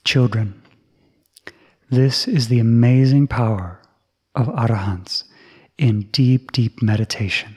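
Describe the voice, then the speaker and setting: A man telling a Buddhist story to children, soft and often dropping into a whisper. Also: mid-range voice, takes it slowly, long pauses, breathy edge.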